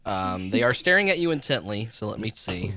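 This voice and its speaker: A man narrating as game master of a tabletop game, halting with fillers. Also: on the low side, sing-song, bright, forceful tone, no echo.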